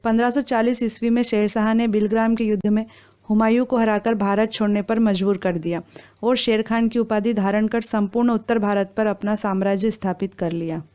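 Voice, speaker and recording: A woman reading exam quiz questions and their answers in a steady, formal recitation. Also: mid-range voice, brisk, clear, resonant tone.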